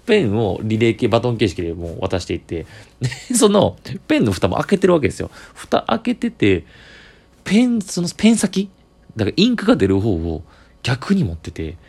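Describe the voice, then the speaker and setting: A man's voice: medium pitch, brisk, gravelly, breathy edge. A young man with a Kansai accent, a comedian hosting his own solo talk show and telling a story from the stage, acting out the other people's lines as he goes. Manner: animated storytelling, acts out voices. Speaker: comedian podcast host.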